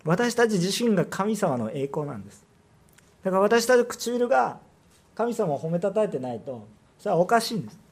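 In a sing-song, slightly rough voice with a darkish tone, a man preaches as pastor at a fairly quick clip. His pitch sits a little high for a male, and he uses rhetorical questions, pushing emphasis up when something matters.

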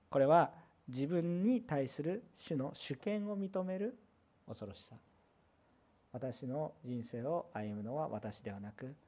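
A pastor preaching a sermon in an emphatic way, with loud bursts and rhetorical questions. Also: medium pitch.

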